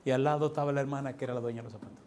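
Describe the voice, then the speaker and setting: A middle-aged male pastor, telling stories in a lively, animated sermon full of exclamations and chuckles. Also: medium pitch, racing, slight background noise. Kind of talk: storytelling sermon.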